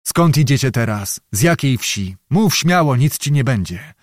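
A man's voice: mid-range voice, animated, moderate pace, no echo, studio quality, lightly acted. A man voicing a stern, impatient young nobleman officer who questions and threatens in short, commanding sentences.

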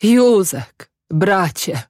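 A woman reading an audiobook and voicing a drunk, tearful older village headman who pleads and sobs, pitched higher than her own voice. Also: animated, slow, a little mellow, dry recording, clean studio sound, full character voice. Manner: tearful, pleading, self-abasing. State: sobbing, drunk.

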